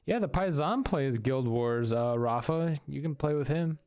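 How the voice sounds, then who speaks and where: A man's voice: medium pitch, lively intonation, unhurried, a little mellow, clean tone. A man casually chatting to his viewers while playing a game, reading and answering chat. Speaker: streamer. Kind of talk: casual live gameplay commentary.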